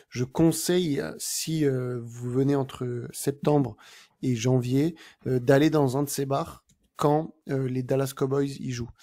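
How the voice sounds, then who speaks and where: Dark-voiced man chatting casually. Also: medium pitch. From France. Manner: hesitant, many filler sounds and restarts while describing places. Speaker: podcast co-host. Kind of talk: casual podcast chat.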